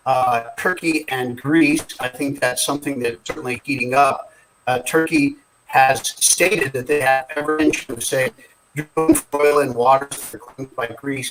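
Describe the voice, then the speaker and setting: A man's voice: mid-range voice, low-quality recording. A man giving his assessment as a guest on an online panel, speaking hesitantly and thoughtfully over a video call. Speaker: guest analyst. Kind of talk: panel commentary. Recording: glitchy call line with guitar music behind.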